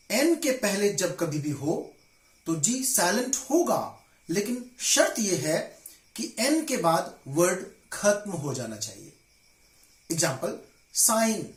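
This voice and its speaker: A man teaching a pronunciation lesson, saying each example word clearly and repeating key rules. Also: high voice, echoey room, low-quality recording. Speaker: English teacher.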